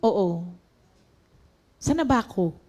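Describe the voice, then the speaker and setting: High-pitched female preacher, casual and talky, speaks straight to the congregation. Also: very animated, takes it slowly, a little mellow. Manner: chatty, mixes in English, addresses listeners as brothers and sisters. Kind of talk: conversational sermon.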